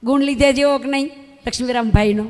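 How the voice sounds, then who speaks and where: A high-voiced woman tells a devotional tale from the pulpit, folksy and emphatic, often turning to her listeners. Her voice rings out in a hall with a long, trailing reverb. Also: fairly even intonation, quick pace, darkish tone. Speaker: religious storyteller. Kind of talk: devotional sermon storytelling.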